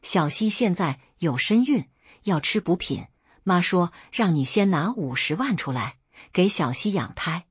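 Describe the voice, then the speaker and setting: Woman putting on a spoiled young guy yelling threats, husky, dry sound. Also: fairly low pitch, animated, unhurried, no room sound, heavily acted. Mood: angry. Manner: shouting, threatening. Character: hot-tempered spoiled young man, a bully. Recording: dull lo-fi audio.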